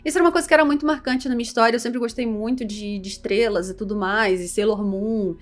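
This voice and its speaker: A woman's voice: fairly high pitch, fast talker. A young woman from Rio de Janeiro with a Carioca accent, chatting animatedly and joking at herself in a casual vlog. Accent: Carioca Portuguese. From Rio de Janeiro, Brazil. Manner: animated, chatty, self-deprecating. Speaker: VTuber and content creator.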